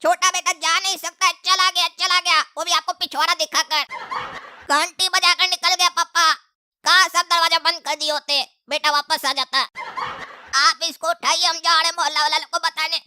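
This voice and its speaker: A woman voicing a cheeky, mouthy young boy in a cartoon, talking in sarcastic rambles with frequent shouts and laughs. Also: very high-pitched, fairly even intonation, normal speed, heavily acted.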